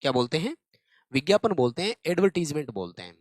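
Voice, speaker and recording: A man's voice: fairly high pitch, big pitch swings, fast talker, no echo. A man teaching exam-prep questions step by step, repeating key answers and checking in with the listener. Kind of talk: Hindi exam-prep lesson.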